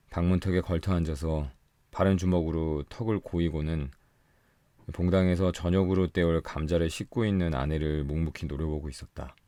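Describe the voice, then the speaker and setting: A man narrating an audiobook for sleep in a calm, soft storytelling voice. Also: deep voice, no echo. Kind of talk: bedtime audiobook reading.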